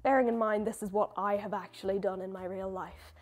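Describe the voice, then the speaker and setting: Briskly and in a steady, medium-pitched tone, a young woman who bakes and makes videos chats casually through viewer questions. She pokes fun at herself as she goes.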